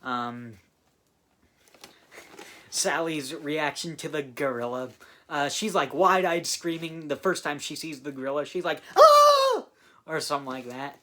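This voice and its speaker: A man giving a casual movie review, halting with many fillers and restarts. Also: on the high side, bright, forceful tone. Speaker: film reviewer.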